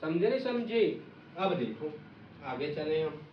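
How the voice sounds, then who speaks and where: High-voiced man teaching exam memory tricks. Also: very animated, unhurried. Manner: repeats "samjhe nahin samjhe?" to check understanding; playful, acts out little skits. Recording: echoey, distant, dull audio with faint noise.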